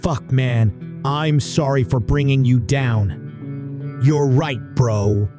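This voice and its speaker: A man voicing a bitter, angry young man with slow, heavy, profane speech over guitar music. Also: mid-range voice, voice pushed up. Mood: apologetic.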